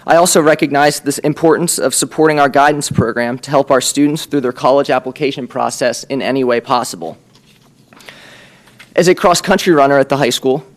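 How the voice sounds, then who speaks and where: A young American man in his late teens with a raspy whiskey voice, giving a formal, earnest prepared speech at a meeting. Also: on the high side. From Pennsylvania, USA. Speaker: student candidate for a school board. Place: public board meeting room.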